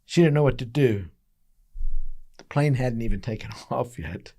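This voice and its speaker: A man as a pastor giving a daily devotional message, telling a story earnestly with emphatic pauses. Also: medium pitch, warm tone.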